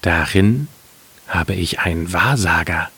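A man's voice: low voice, slow, fairly bright tone, breathy edge, full character voice. A man voicing a sly peasant trickster.

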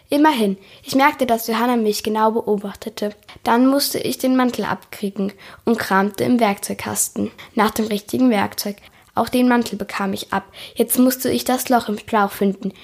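A woman's voice: fairly high pitch, slightly rough. A young woman introduces herself, then reads a passage from a novel aloud in a plain, careful way. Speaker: student reader. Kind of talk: reading a book passage aloud.

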